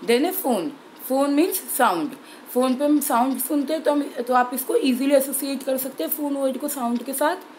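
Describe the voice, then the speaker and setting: A young woman with a fairly high voice teaches an exam-prep lesson in a clear, steady way. She slows down to stress each key term. A faint hiss sits under the recording. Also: rough recording. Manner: clear, steady explaining with slowed emphasis on key terms. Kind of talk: explanatory lesson in Hindi with English terms.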